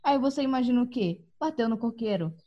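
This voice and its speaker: A woman telling a personal story in a casual chat, animated and laughing, acting out the voices of the people in it. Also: a little high, a little fast, highs cut off.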